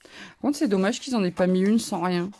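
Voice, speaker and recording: In a haul video, a northern French-accented woman who makes crafting content chats loosely about what she bought, wandering off into asides. Her voice sits mid-range, brisk and mellow.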